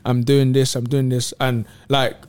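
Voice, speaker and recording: A man in casual faith discussion on a podcast, animated and slangy, retelling Bible stories in street talk. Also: mid-range voice, measured pace, smooth. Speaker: podcast co-host.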